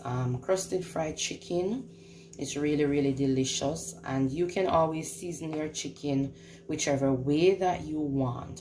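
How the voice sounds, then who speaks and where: A woman with a mellow bass voice hosts a casual recipe video from her home kitchen, giving instructions and repeating phrases for emphasis. The room sounds spacious, and the home recording is clearly noisy.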